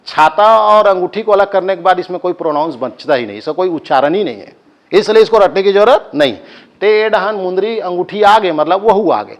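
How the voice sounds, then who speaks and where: A male coaching teacher with a Chhattisgarhi accent, giving a live class lecture, drilling students with chanted repetition and joking asides. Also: sits high.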